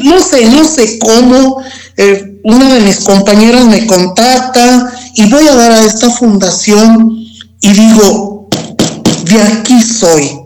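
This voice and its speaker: The voice sits high with a darkish tone: a Mexican man in an interview giving personal testimony, halting and slow, repeating words often before going on. The audio is poor.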